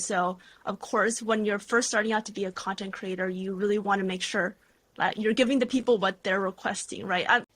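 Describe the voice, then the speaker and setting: A woman's voice: medium pitch, fairly bright tone, husky. A woman in her twenties, a beauty content creator, chatting casually as a podcast guest and saying "like" often. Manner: chatty, heavy use of "like". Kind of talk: casual interview chat.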